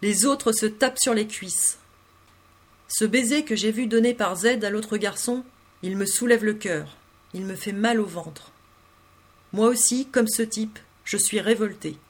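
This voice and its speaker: A woman narrating a literary story in the first person, reading in an intimate, expressive way. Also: medium pitch, a little slow. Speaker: audiobook reader.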